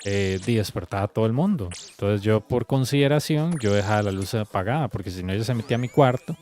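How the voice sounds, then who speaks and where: Rambling Costa Rican streamer, casual. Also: male voice, on the low side, expressive, fast, a little mellow. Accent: Costa Rican Spanish. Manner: loose, rambling storytelling with frequent swearing. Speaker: game streamer. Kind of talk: casual chat with viewers while playing.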